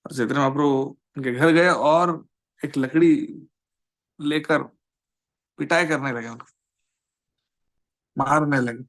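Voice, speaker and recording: A man giving a scripture class in an unhurried, conversational way, often checking in with his listeners. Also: fairly high pitch, fairly bright tone. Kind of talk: Hindi-English mixed scripture lecture.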